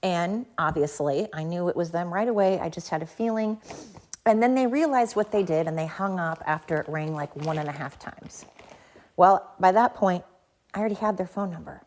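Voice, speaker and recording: With a lowish, slightly mellow voice at a moderate pace, this woman hosts a podcast alone, chatting into her phone as she paces. She's rambling, slangy and self-deprecating, and there's a little hiss or hum.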